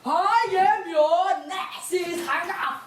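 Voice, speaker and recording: A woman's voice: very high-pitched, slow. A woman playing a lovesick, pompous young man in a stage comedy, declaiming like a hammy stage actor. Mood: defiant, pompous. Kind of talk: live stage comedy acting. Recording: roomy stage, distant mic, faint noise.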